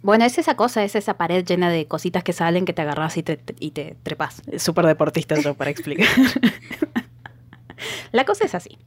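An Argentine woman co-hosting a podcast in casual chat, retelling things in a joking, animated way. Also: lowish voice, fairly quick, dry recording. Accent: Argentine Spanish. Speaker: podcast co-host.

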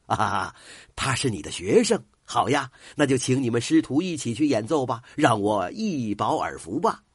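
A pompous, lecherous official, loud and used to being obeyed, as an old storyteller puts him on. The voice swings widely in pitch and sounds a little husky. It is close and dry, with no room sound. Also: male voice, sing-song, moderate pace, no echo. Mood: jovial, sly. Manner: booming, bossy.

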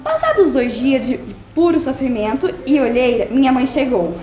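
A young female student reads her own story aloud in a lively, expressive way. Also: high voice, moderate pace, reverberant, faint music behind.

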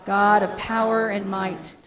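A woman pastor leading a communion liturgy in a solemn, measured way, her voice ringing with a cathedral echo in a church sanctuary. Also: medium pitch, flat delivery, crowd noise. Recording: long church reverb.

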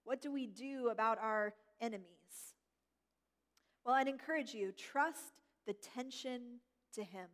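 A middle-aged woman pastor preaching a sermon, gentle and reflective, slowing down to stress key words. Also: on the high side. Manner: gentle, reflective, slows for emphasis. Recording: long hall reverb.

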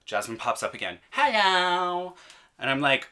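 A man with a bright, forward voice tells a story among friends on a podcast. His delivery is dry and sardonic, building to a mock-courtroom verdict. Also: mid-range voice, animated, fairly quick. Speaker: podcast co-host telling a grievance story.

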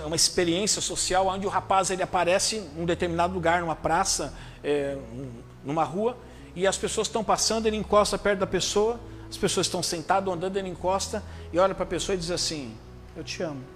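A man's voice: high-pitched, brisk, a bit bright, soft background music. A Brazilian man preaching a sermon in a church service, telling stories and acting out quoted voices with emphatic peaks. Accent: Brazilian Portuguese. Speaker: pastor.

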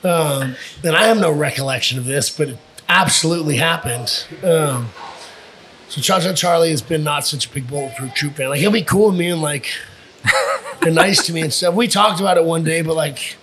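A man's voice: a little high, normal speed, a crowd in the background. A man who is a guest on a podcast, telling profane stories casually and acting out the lines of the people in them. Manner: profane, animated storyteller who acts out quotes. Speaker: podcast guest, fighter and wrestler. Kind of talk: casual storytelling chat.

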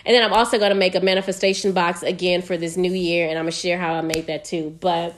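A woman's voice: fairly low pitch, little pitch movement, quick pace. A young American woman hosting a casual solo podcast, talking frankly and energetically with plenty of profanity. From United States. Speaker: podcast host.

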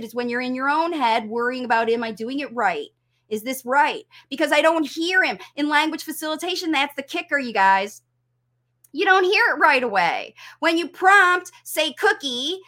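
A woman with a high voice explains language strategies to parents. Her tone is bright and lively, and she slips into playful quoted voices to act out confusion. She speaks into a desk mic. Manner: animated, acts out confused learners in quoted voices. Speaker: language coaching instructor for parents. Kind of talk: casual teaching talk over slides.

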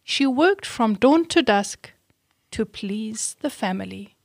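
Slow woman reading a rhyming storybook. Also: a little high, lively intonation, dry recording, clean studio sound. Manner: slow, clear rhyming delivery with questions to children. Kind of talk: storybook read-aloud.

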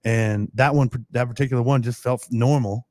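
A man's voice: mid-range voice, steady tone, normal speed, a little mellow, no echo. A young adult man, a football player guest on a podcast, chatting casually and telling a loose, candid story with some swearing. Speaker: guest, NFL long snapper.

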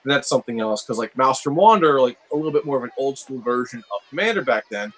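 A man co-hosts a casual chat reviewing game cards, rambling along and leaning heavily on "like." His voice is husky and medium-pitched, animated and fast, captured in a rough recording.

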